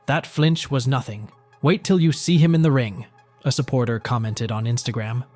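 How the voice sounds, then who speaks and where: A man's voice: medium pitch, a little mellow, no room sound. Scripted male news narrator over music.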